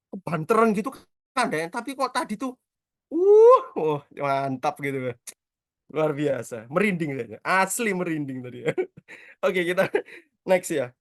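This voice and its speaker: Middle-aged guy teaching bible stuff, chatty and quick, dry close sound. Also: sits high, no echo. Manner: talkative, quick and animated, with self-mocking humor. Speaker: church prayer trainer.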